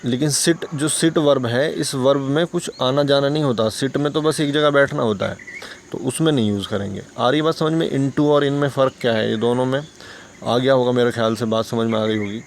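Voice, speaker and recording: A man's voice: medium pitch, brisk, vocal fry, slight background noise. A man teaching an English lesson for beginners, patiently explaining and answering his own questions.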